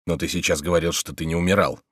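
A man's voice: low voice, fairly even intonation, quick pace, fairly bright tone, husky, no echo, clean studio sound, pitched below the performer's own voice. A man voicing a fearful, melancholy king who speaks in a subdued, pleading way in an audiobook. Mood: weary.

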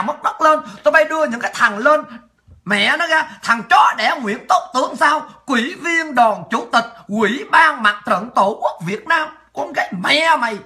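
A woman rants to her livestream audience in a very high, sharp and cutting voice. She is furious throughout, hurling insults and often shouting. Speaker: political livestream host. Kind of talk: angry political rant.

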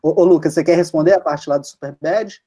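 A Brazilian man hosting a live roundtable, brisk and calling on each panelist. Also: a little high, warm tone, breathy edge. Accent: Brazilian Portuguese. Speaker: host.

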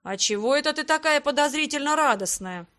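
A woman's voice: on the high side, normal speed, a bit bright, lightly acted. A woman voicing a sleepy, grumpy young man who complains indignantly. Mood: grumbling.

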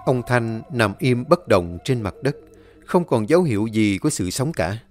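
A man narrating a horror audiobook in a dramatic storytelling manner, voicing characters with raised pitch. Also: lively intonation, normal speed. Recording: faint music under the voice. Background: faint background music.

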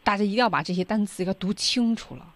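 A female radio host co-presenting an English lesson in a chatty, animated way. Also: medium pitch, fast.

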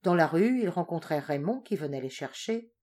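Woman narrating a novel, slightly low voice. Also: animated, brisk, a little mellow. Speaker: audiobook reader.

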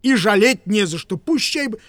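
A woman's voice: medium pitch, animated, moderate pace, fairly bright tone, no echo, natural voice. A woman voicing a fussy, grumbling old male clerk who rambles and stammers in an audiobook reading.

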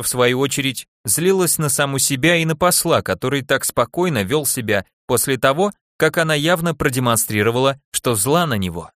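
A man narrating an audiobook in a steady, even storytelling manner. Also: medium pitch, no room sound, studio quality. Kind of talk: scripted narration.

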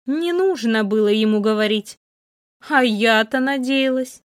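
A hard, bitter mother, as a woman narrator puts her on, with a sharp, raised, scolding voice. Her lines cut in louder and higher than the narration around them. The recording is dry and close. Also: a little slow, no room sound, natural voice. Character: harsh, bitter middle-aged mother.

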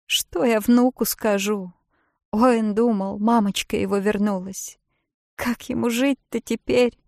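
A woman voicing an elderly grandmother who shrieks accusations in shrill, loud outbursts. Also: fairly even intonation, slow, creaky, no echo, studio quality. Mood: tearful.

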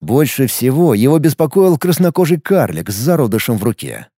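A man narrating an audiobook with expressive storytelling and a lively, moving pitch. His voice is somewhat high with a gravelly edge. The recording is dry and close. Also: fairly quick, no room sound. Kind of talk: scripted narration.

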